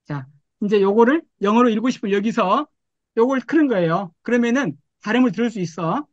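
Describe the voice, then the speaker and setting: A man's voice: high-pitched, fairly quick, dry recording. A man teaching an online class over a video call, chatty, often acting out the prompts he types to an AI. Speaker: professor giving an online lecture. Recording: dull, dry video call audio.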